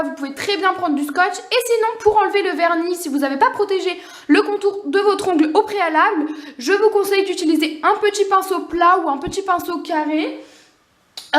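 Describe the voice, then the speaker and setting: Very high-voiced young woman, echoey room. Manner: quick, unscripted, full of fillers and apologies. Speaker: nail art vlogger. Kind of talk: casual tutorial talk.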